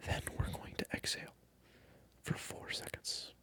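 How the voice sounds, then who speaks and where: Whispering near the microphone at a normal speed, an ASMR video creator delivers a monologue to the viewer. The tone is teasing and mock-indignant, and the lines repeat.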